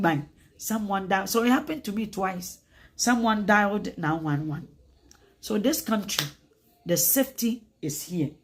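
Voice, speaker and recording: A woman with a Ghanaian accent, hosting a casual livestream chat in an animated way, switching between English and Twi. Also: mid-range voice, a little hiss or hum. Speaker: livestream host.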